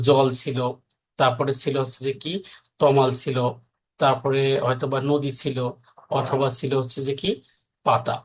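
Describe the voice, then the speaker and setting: A man's voice: medium pitch, slightly rough. A man, teaching a recorded exam-prep lesson in a conversational way, explaining step by step and often checking that his listeners follow.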